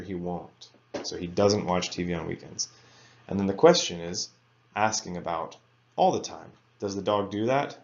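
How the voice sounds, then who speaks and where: A man teaching an English grammar lesson to students, reading example sentences slowly and carefully. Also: low-pitched, highs cut off. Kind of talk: recorded lecture for students.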